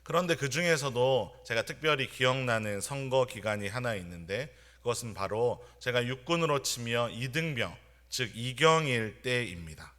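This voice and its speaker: A young man, preaching a sermon in an earnest, measured way in a church. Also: medium pitch, lively intonation, pushed and bright. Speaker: pastor. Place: church sanctuary.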